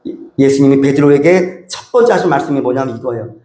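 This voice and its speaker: A man's voice: medium pitch, fast talker, dark tone. A male pastor preaching a sermon in a church, speaking emphatically and asking the congregation many rhetorical questions. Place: church sanctuary. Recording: roomy church echo.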